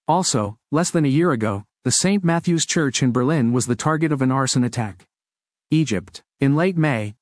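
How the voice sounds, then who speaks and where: A man giving a steady, measured scripted narration of a news report. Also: mid-range voice, dry recording, clean studio sound.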